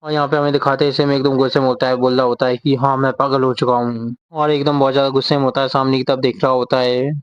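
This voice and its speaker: A man retelling a manga story, quoting the characters' lines in his own steady voice without acting them out. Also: mid-range voice, rapid-fire, hardly any pauses, smooth, dry recording, dull audio. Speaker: manga explainer.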